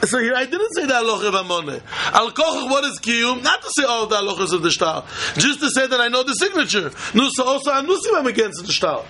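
A man's voice: extremely high pitch, big pitch swings, quick pace, bright, forceful tone. A man with a Yiddish accent teaching Talmud in a repetitive, questioning, argumentative way. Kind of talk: religious study lecture.

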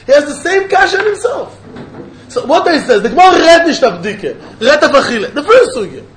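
A man's voice: very high-pitched, sing-song, a little fast, fairly bright tone. A man with a Yiddish accent teaching an informal religious lesson, insistently repeating his phrases as he explains and questions. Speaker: Talmud teacher. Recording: echoey room with faint noise.

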